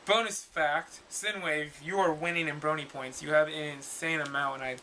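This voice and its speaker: Young male author reading his own story aloud; bright, casual, jokey. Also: fairly high pitch, steady tone, moderate pace, a little hiss or hum. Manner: casual, joking, swears freely. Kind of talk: casual chat.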